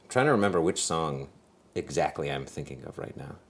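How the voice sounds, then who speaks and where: A young man co-hosting a casual chat rambles reflectively, searching for his words. His voice is very deep and low, expressive, and fairly quick.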